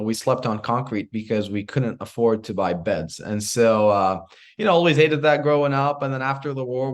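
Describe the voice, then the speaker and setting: A man in his twenties from Iraq, a podcast guest telling his story with energy and earnest drive. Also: mid-range voice. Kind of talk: storytelling interview answer.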